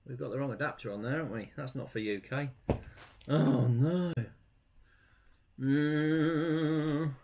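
A man in his forties chats his way through each step of a hands-on product review in his home garage workshop, picked up indoors by a camera mic a few feet off. His pitch is fairly high and a little mellow, and he speaks slowly with frequent pauses. The garage recording is noisy.

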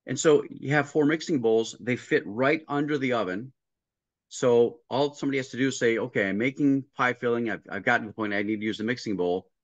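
Here a middle-aged man, a restaurant consultant, is a guest in a casual interview, recounting work stories over video call. His medium-pitched voice moves fairly quickly as he explains things step by step, plays out the dialogue, and keeps restarting. A painting is visible behind him at home, and the sound is dry, muffled, and echo-free.

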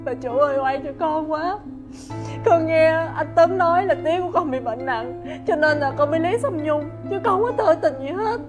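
A frightened young servant pleading her innocence; high voice, clear music underneath. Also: lively intonation, normal speed, muffled recording.

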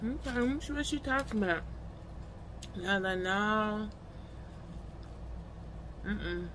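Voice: medium pitch, expressive, quick pace, fairly bright tone, a little hiss or hum. A person chatting casually and colloquially to followers while eating, talking with a mouth full of food. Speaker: vlogger.

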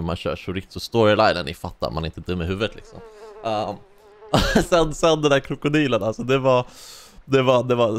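Young male let's-play host, chatty, slangy, excitable storyteller, medium voice. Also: mid-range voice. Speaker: gaming YouTuber. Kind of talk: casual let's-play commentary.

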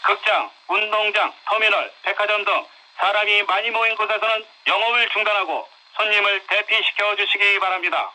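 Man giving a sharp air raid loudspeaker warning. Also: high voice, rough recording. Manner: formal, measured, steady. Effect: air raid loudspeaker broadcast. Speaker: civil defense announcer. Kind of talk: official emergency announcement.

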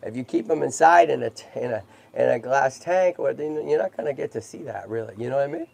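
A man's voice: mid-range voice, lively intonation, quick pace, gravelly, a little mellow, breathy edge. A man hosting a tortoise rescue livestream in casual chat, talking in a chatty way and checking in often with "right?" and "okay?".

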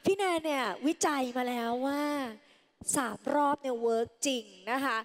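A woman English tutor giving a lively lecture in a large hall, coaxing students with frequent polite particles. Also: sits high, normal speed. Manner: coaxing, calls students "children", ends phrases with polite particles. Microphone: handheld mic.

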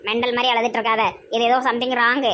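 A woman doing a low-voiced scolding busybody. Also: level tone, fast talker, fairly bright tone, slight background noise, close to an everyday voice. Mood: suspicious. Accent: Tirunelveli Tamil. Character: suspicious bossy village woman.

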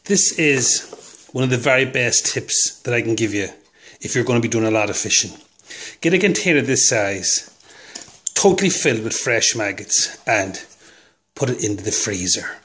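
This man's mid-range, fairly bright voice comes through a relaxed how-to clip for his fishing channel. Recording his hands on a phone at home, he wanders through tips and laughs at his own humor.

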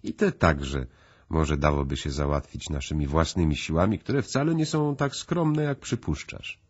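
A man reading the lines of a cool, composed host who asks pointed questions with icy calm. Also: very deep voice, normal speed, breathy edge, dull audio. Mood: coolly calm. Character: cool composed male host, calmly probing.

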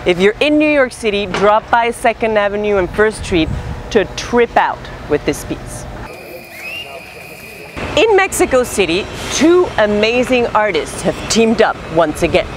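A woman in her thirties hosts a show, presenting scripted news items in casual, slangy language on a city street, wearing a lapel mic. Her mid-range voice is sing-song and a little slow. Music and other background noise can be heard.

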